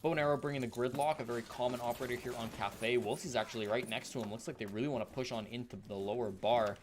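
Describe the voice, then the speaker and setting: A man's voice: mid-range voice, fairly even intonation, fast talker, a crowd in the background. A man doing play-by-play esports commentary, giving a running account of the action.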